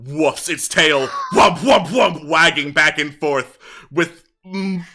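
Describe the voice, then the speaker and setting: A man narrating as game master of a tabletop game, often pausing with fillers and breaking into laughter. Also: fairly high pitch, sharp tone. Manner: hesitant, filler-heavy narration with bursts of laughter.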